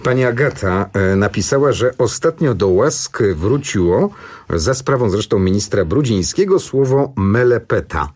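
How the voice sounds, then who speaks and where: Lively husky man hosting radio. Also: on the low side, unhurried. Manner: lively, interjecting, playful. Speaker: radio host. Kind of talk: radio chat, reading listener letters. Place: radio studio.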